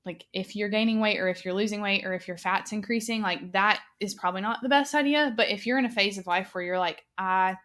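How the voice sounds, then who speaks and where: A woman's voice: mid-range voice, fairly quick, hardly any pauses, fairly bright tone. A woman in her twenties hosting a podcast, chatting casually with lots of fillers. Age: 20s. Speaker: podcast host. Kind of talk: casual chat.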